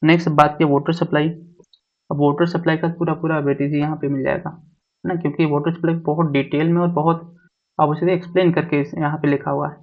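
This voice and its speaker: Man with a flat, repetitive teaching voice. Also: fairly high pitch, a little fast, dull audio. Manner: repeats each point, mixing English syllabus terms into Hindi. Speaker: exam coaching teacher. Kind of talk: syllabus walkthrough lecture.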